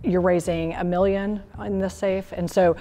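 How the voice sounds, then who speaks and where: A woman investor with a warm, mellow voice asks about funding and walks through the deal terms. She is friendly and matter-of-fact. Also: fairly low pitch, level tone, moderate pace. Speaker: investor on a pitch panel. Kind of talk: casual questioning and explaining.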